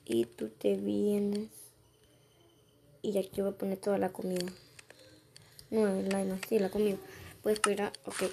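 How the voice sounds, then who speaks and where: A woman's voice: medium pitch, level tone, fairly quick, long pauses, noisy background. A woman giving casual let's-play commentary, chatting to herself and chanting sing-song rhymes. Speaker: gaming youtuber.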